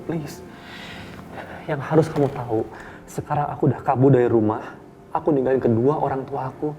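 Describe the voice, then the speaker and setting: Fast-talking young guy played by an actor, mellow voice, dodgy and stressed, begs her to drop it. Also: medium pitch, a little hiss or hum, lightly acted. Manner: evasive, pleading, exasperated. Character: young man evasive, stressed, secretive boyfriend. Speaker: actor in a TV drama. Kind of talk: TV soap drama acting.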